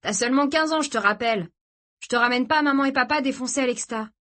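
A woman's voice: high voice, fast talker, a bit bright, voice pushed up. A woman voicing an awkward, defensive teenage boy in an audiobook. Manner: defensive, hesitant.

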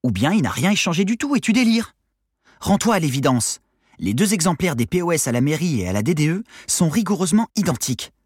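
Man playing a sarcastic teasing young woman, raised pitch, audiobook, dry close mic. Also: sing-song, a little fast, breathy edge, no echo.

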